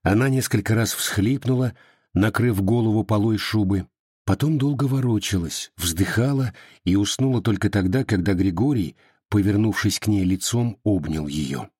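A man narrating a novel as an audiobook, with expressive storytelling. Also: on the low side, normal speed, husky, no echo, studio quality.

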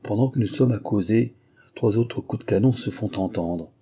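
Guy narrating an old memoir audiobook, very dark husky voice, steady measured pace. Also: lowish voice. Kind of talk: scripted first-person memoir reading.

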